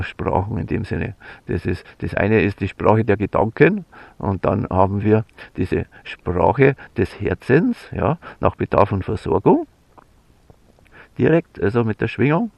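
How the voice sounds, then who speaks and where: A man's voice: fairly low pitch, creaky, no room sound. A man speaking in an unscripted, rambling spiritual monologue, full of fillers, restarts and a frequent "ja.". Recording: dull lo-fi sound.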